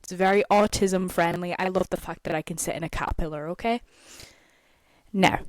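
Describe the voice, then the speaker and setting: A young woman casually telling a story on a podcast, animated and swearing freely, often checking in with "okay?". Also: deep voice, no echo. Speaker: podcast host.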